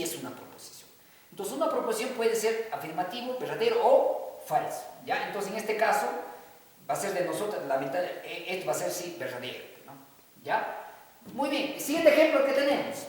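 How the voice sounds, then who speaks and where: A man's voice: high voice, recorded from a distance. Man teaching in an echoey hall. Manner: keeps checking understanding, repeats key points. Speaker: math teacher. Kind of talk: classroom lesson.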